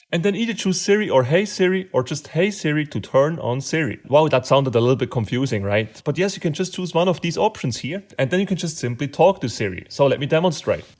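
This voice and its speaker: A man's voice: a little high, darkish tone. A man with a heavy German accent, narrating a screen-recorded tech tutorial step by step in a friendly way.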